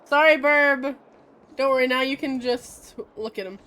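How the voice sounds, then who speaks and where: A woman's voice: sits high, moderate pace, fairly bright tone. A woman giving casual, irreverent game commentary as a streamer, giggly and free with swearing.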